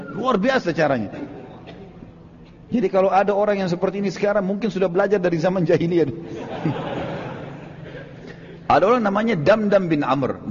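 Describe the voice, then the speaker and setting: A man preaching a religious lecture, telling a story in an animated way and speaking directly to his listeners. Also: high voice, slight background noise. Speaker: Islamic preacher. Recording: dull, echoey hall recording.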